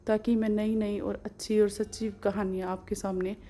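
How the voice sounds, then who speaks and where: Calm flat-voiced woman storyteller. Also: mid-range voice, normal speed. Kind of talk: storytelling narration.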